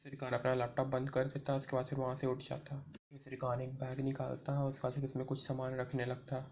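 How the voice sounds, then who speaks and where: A man's voice: mid-range voice, completely flat delivery, quick pace, a little mellow, dull audio, slight background noise. A man narrating an episode recap, retelling each scene and reading all the characters' lines himself.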